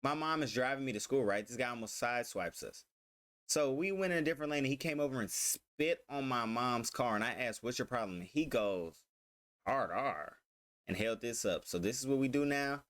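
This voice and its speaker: A man's voice: mid-range voice, fairly quick, fairly bright tone. A man hosting a reaction video, talking in a loose, slangy, chatty way into a close mic. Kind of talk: casual reaction commentary.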